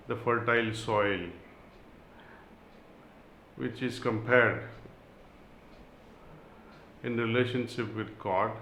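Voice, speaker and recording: A man giving a spiritual talk and reading aloud, in a slow, measured way with long pauses. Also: medium pitch, gravelly, fairly bright tone, echoey room, a little hiss or hum, low-quality recording. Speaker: spiritual teacher.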